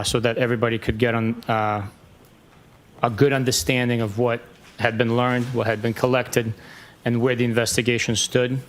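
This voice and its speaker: Flat-toned policeman giving hesitant testimony. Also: medium pitch. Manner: matter-of-fact, hesitant, formal. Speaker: police sergeant testifying as witness. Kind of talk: courtroom testimony. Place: courtroom.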